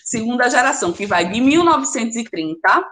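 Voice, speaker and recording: A woman's voice: fairly high pitch, sing-song, brisk, a bit bright. A woman with a Brazilian accent teaching a literature class online, urging her students on and calling them by name. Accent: Brazilian Portuguese. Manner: emphatic, urging, talks straight to students by name. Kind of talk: live online class lecture.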